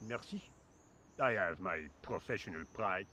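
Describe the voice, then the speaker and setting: A man's voice: lowish voice, animated, normal speed, sharp tone. A man voicing a lazy, sarcastic French workman in a video game, with a French accent and a dry, indifferent drawl.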